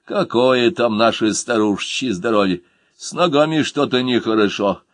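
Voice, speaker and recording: A man voicing an old peasant nanny woman who scolds loudly in a folksy way, in an audiobook. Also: mid-range voice, moderate pace, no room sound, lightly acted. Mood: grumbling. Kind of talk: audiobook character voice.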